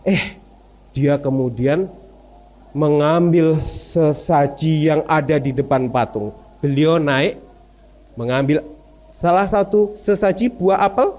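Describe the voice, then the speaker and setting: A man telling a religious story to children in an animated, playful way, often asking them questions. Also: medium pitch, slow pace.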